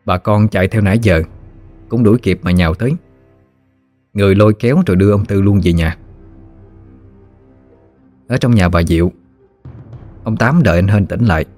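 A man with a Southern Vietnamese accent narrating a scripted horror story in a steady, measured way. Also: low voice.

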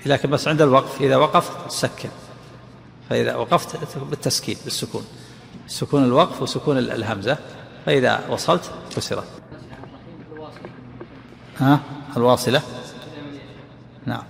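A man's voice: mid-range voice, normal speed, creaky, long pauses. An older man, a sheikh giving lesson commentary who interrupts the reader with questions and corrections. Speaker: sheikh explaining a text. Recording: reverberant hall with faint noise.

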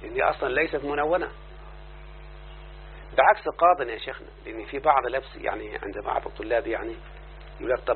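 A man's voice: mid-range voice, phone-quality sound, slight background noise. A man with an Egyptian Arabic accent teaching a grammar lesson to a class. He explains each point and keeps checking with questions.

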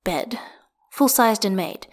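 A woman with a voice of ordinary pitch reads a story aloud in an audiobook style. Her storytelling is expressive and measured, and she lets dramatic pauses hang between phrases. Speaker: fanfiction reader. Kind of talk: audiobook narration.

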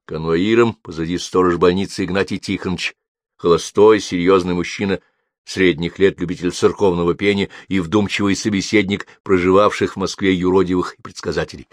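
A male audiobook narrator reading a literary story in a measured, unhurried way on a close studio mic. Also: low voice, fairly even intonation, dry recording. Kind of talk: scripted narration.

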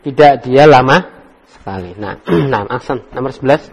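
A man teaching Arabic grammar in a casual classroom lesson, relaxed and joking as he coaxes students by name. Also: medium pitch, normal speed, slight background noise. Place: study circle classroom.

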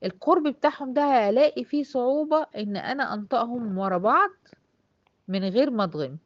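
A woman's voice: fairly high pitch, expressive, fairly quick, no echo. Egyptian woman, tajweed teacher, patient step-by-step explainer, dull dry recording. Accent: Egyptian Arabic. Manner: explains step by step, asks and answers her own questions, drawls out example words. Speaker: Quran recitation teacher. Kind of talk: classroom tajweed lesson.

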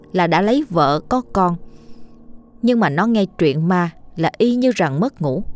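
Female storyteller, suspenseful scripted read, slightly low pitch. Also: darkish tone. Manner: suspenseful, measured. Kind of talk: scripted ghost story narration.

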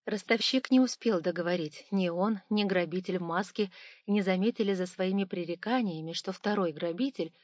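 A woman's voice: fairly low pitch, moderate pace, no echo. Audiobook narrator, woman, dry, slightly dull sound. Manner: expressive storytelling.

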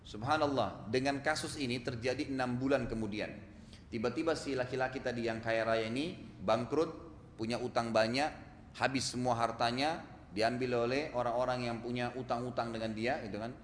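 A male preacher delivering a sermon in a lively, storytelling way, with frequent rhetorical questions. His mid-range voice rings in a large hall with long reverb and faint noise in the background. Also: mid-range voice, normal speed.

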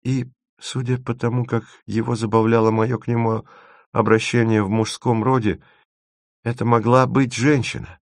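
A man reading an audiobook, voicing a dreamy, stubborn young woman who speaks softly and a little painfully. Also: mid-range voice, level tone, moderate pace, no echo, clean studio sound, pitched above the performer's own voice, lightly acted. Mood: protesting. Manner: soft, pained and wistful.

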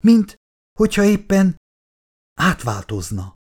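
Man doing a jittery, high-voiced lab assistant. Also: very animated, a little mellow, breathy edge, heavily acted. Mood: tense. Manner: jittery, high-pitched exclamations. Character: nervous, shaky lab assistant. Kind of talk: audiobook dialogue.

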